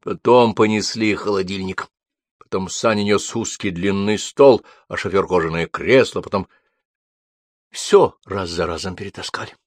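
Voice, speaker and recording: A man narrating an audiobook in an expressive way. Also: low-pitched, normal speed, dry recording, clean studio sound. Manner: expressive, varied character voices. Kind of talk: audiobook reading.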